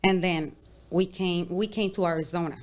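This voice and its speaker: Low-voiced woman from Sonora. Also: steady tone, normal speed, darkish tone, a little hiss or hum. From Sonora, Mexico. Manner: open, chatty, says "like" and "you know" often. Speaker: guest. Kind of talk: casual interview chat.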